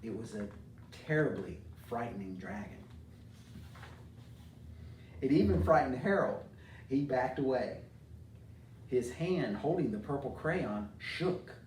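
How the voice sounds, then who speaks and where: A mid-range, darkish male voice, very animated yet slow with long pauses, belongs to a middle-aged American mayor speaking informally to children and reading them a storybook as a community leader. Roomy echo, a distant mic and faint noise color the recording.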